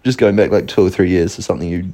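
A man with a somewhat low voice co-hosts a podcast in relaxed, casual talk. He tells stories in a wry, offhand way, with easy swearing. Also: very fast. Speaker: podcast co-host. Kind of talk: casual chat.

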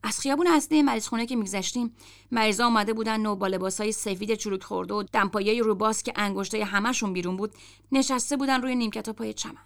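A woman narrating a story aloud in the first person, steady and even. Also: medium pitch, creaky. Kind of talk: audiobook narration.

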